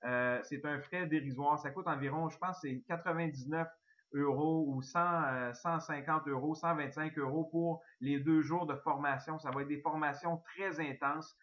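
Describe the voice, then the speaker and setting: A man with a Québécois French accent giving an eager, excitable sales pitch on a recorded online call, full of fillers and restarts. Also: moderate pace, hardly any pauses, dull audio. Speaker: network marketing presenter.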